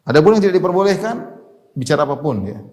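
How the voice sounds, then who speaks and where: A man preaching an Islamic religious lecture, explaining patiently, repeating key points and tagging his phrases with a quick "ya". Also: fairly high pitch, sing-song, darkish tone.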